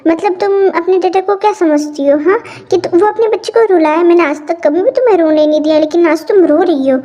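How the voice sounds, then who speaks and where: Woman doing a gentle doting father, high. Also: brisk, muffled recording. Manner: soothing, coaxing. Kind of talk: amateur fan audio drama.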